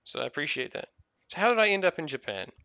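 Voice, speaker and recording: A man's voice: on the high side, sing-song, fast, gravelly, sharp tone, dry recording, dull audio. A man with a New Zealand accent chatting casually while playing a game, rambling with lots of fillers and restarts. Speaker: gaming video host.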